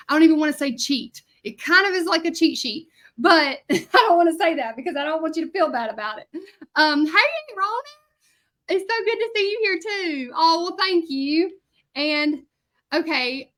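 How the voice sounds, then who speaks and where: A woman's voice: sits high, fairly bright tone. A woman in her thirties from Louisiana with a Southern accent, chatting to livestream viewers while teaching hand lettering. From Louisiana, USA. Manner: chatty, bubbly, talks to viewers while working. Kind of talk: casual livestream chat while demonstrating.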